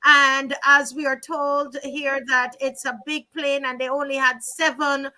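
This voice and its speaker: A woman's voice: high-pitched, level tone, a little slow, bright, forceful tone. A woman hosting an online panel discussion, asking rhetorical questions and addressing her listeners directly. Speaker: host.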